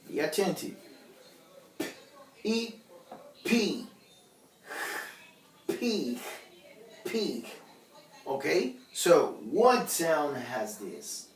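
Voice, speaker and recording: Slow, patient male phonics teacher. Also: on the high side. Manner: patient and drawn-out, repeats each sound, checks with "okay?"; switches between English and Spanish to explain. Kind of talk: slow phonics lesson, sounding out letters. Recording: roomy, distant mic, faint background noise.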